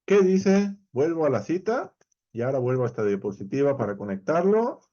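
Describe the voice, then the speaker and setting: A man's voice: medium pitch, sing-song, fairly quick, mellow, dull audio. A man with a Spain Spanish accent teaching a verse-by-verse Bible study lesson, explaining animatedly and speaking straight to his viewers.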